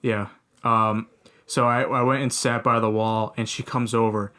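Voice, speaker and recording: A man's voice: on the low side, flat delivery, measured pace, sharp tone. A young man co-hosting a comedy podcast, telling a long story in casual chat with many restarts. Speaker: podcast co-host.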